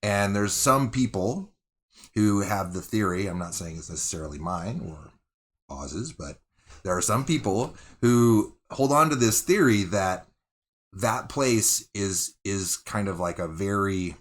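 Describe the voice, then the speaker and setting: A man hosting a casual interview podcast, chiming in with quick reactions and telling his own laid-back asides. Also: lowish voice, animated. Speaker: podcast host.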